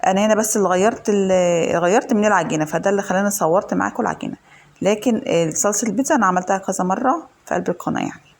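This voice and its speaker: A woman with an Egyptian Arabic accent, slightly hoarse from a cold, chatting to viewers as she walks them through a home cooking recipe. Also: medium pitch, racing, darkish tone. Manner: chatty, addresses viewers directly, lots of fillers. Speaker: home cooking channel host. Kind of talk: casual cooking tutorial. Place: home kitchen.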